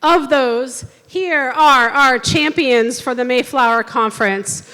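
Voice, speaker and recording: A woman's voice: high voice, slow, bright, forceful tone. A woman hosting a school athletic awards night, reading out teams and honors with some fillers. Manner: upbeat, announcing lists with fillers. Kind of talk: speaking at a podium to an audience. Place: school hall or gym. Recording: reverberant hall.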